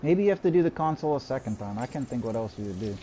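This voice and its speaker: A man with a mid-range voice gives live commentary on a game he is streaming. He mutters to himself and drifts into rambling anecdotes. Game sounds and background noise sit clearly behind him. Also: mid-range voice, animated, rapid-fire. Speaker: gaming streamer.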